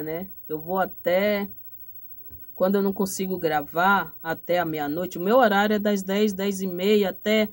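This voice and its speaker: A woman's voice: medium pitch, a little mellow. Affectionate Brazilian woman reading tarot. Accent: Brazilian Portuguese. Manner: affectionate, repetitive, ends phrases with "tá?"; motherly, preachy advice with religious blessings. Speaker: tarot card reader. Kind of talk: direct-to-camera tarot reading.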